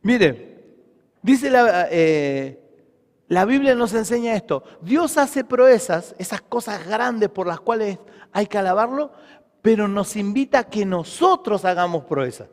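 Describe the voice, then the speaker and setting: A man's voice: sits high, animated, a little slow, long reverb tail. A man preaching a sermon as pastor, with a Rioplatense Spanish accent, emphatic and full of rhetorical questions.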